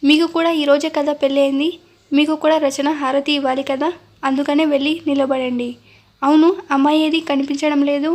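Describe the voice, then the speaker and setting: A woman's voice: high-pitched, level tone, normal speed, a little mellow, close to an everyday voice. A woman voicing a kindly older father who directs his family in a fatherly way.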